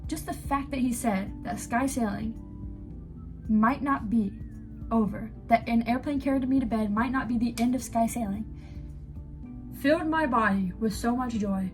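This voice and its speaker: Young woman YouTube reactor, higher voice, gushing and giggly, rambles excitedly. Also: normal speed, over music. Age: 20s.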